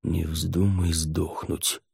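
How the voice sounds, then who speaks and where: A brooding demon warrior, as a male narrator plays him, speaks slow, terse and low. The voice is deep and dry, close to the mic. He sounds grim and restrained. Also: fairly even intonation, gravelly, darkish tone, husky, no echo, full character voice.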